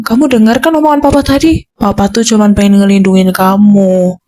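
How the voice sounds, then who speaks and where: A woman playing a teasing, gentle mother in an amateur voice drama dub. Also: medium pitch.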